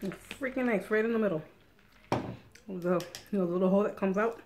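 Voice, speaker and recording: A woman's voice: medium pitch, fairly even intonation, a little fast, background noise. A middle-aged woman hosting an eating show, chatting casually while she eats at home. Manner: chatty, eats and talks with mouth full.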